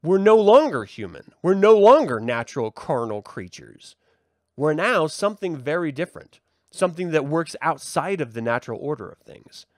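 Very animated and fairly high-pitched, this man speaks at a moderate pace while hosting a live talk. The livestream host and reverend reflects aloud to his online audience with rhetorical questions and pointed emphasis, recorded as clean studio sound with no room sound.

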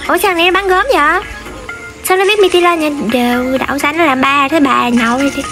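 A woman chatting playfully during a game, heard through a stream over loud game music. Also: sits high, steady tone, fast talker. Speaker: streamer and teammate. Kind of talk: casual gaming chat.

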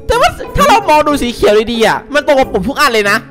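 High, lively young man yelping at a game. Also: quick pace. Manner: excitable, yelps and laughs. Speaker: gaming YouTuber. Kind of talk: casual co-op game commentary. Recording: music playing behind.

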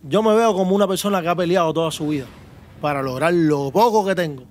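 A man's voice: a little high, quick pace, a little mellow, soft background music. A man, talking confidently and boastfully as a guest in a casual chat, often tagging his points with a question. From Cuba. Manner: confident, boastful, keeps asking "¿sabes?".

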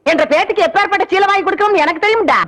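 A woman's voice: very high voice, racing, a bit bright. An actress playing a fierce, quarrelsome old village grandmother who scolds and threatens. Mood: scolding. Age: older. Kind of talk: film comedy dialogue.

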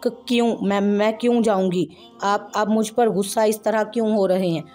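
A woman's voice: medium pitch, fairly even intonation, normal speed, a little mellow, faint music behind, lightly acted. A woman voicing a frightened young wife in a storybook reading, stammering and pleading.

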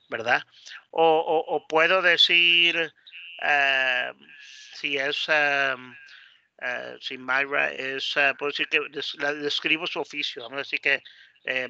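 A man's voice: medium pitch, pushed and bright, no echo, muffled recording. A man teaching a basic English class online, explaining in Spanish with English examples and lots of fillers and tag questions.

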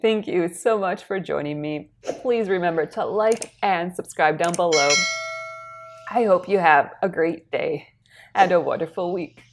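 A young woman vlogger telling a personal story to camera in a soft, partly whispered voice. She is congested, speaks slowly and carefully in plain words, and clears her throat often. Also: lowish voice, background noise. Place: indoors against a plain wall.

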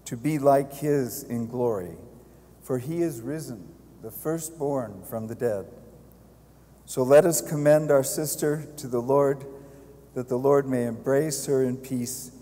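An older male priest recites a solemn funeral prayer. His delivery is slow and measured, with a soft, mellow tone. The voice rings through a large, reverberant church. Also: medium pitch. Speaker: priest leading a funeral Mass. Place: large church, speaking to a congregation.

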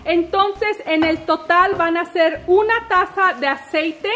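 A woman's voice: extremely high pitch, takes it slowly, pushed and bright. A woman in her thirties hosting a casual cooking vlog from her home kitchen, chatty and upbeat as she talks straight to viewers. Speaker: cooking channel host.

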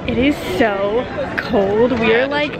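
A woman's voice: a little high, takes it slowly, poor audio. A young woman vlogging casually and chattily while talking through a face mask, outdoors at a crowded theme park. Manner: chatty and upbeat. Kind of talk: casual vlog narration. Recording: loud crowd and music behind.

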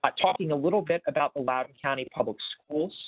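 A man presenting budget figures on a video call in a measured way, with frequent filler words and restarts. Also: on the high side, husky, no echo. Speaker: county budget official presenting at a town hall. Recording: tinny, dry video-call audio.

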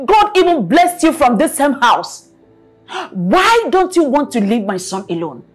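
A woman's voice: high voice, sing-song, measured pace, breathy edge, faint music behind, exaggerated voice. A middle-aged Nigerian woman playing a scornful mother in a film drama, scolding and repeating herself. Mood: furious. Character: stern, scornful mother of a grown son.

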